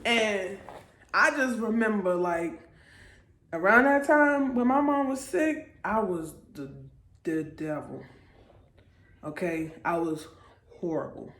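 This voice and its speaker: A woman's voice: medium pitch, very animated, slow pace, long pauses, a bit bright. A young woman in her twenties telling a personal story to camera in a casual, conversational way, checking in with viewers with little asides. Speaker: vlogger. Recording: roomy echo.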